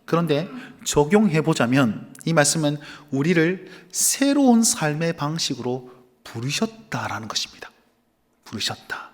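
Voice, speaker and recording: A man's voice: on the high side, very animated, measured pace. A man, a pastor, preaching a sermon in a church and acting out bits of dialogue as he goes. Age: adult with young children. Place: church sanctuary.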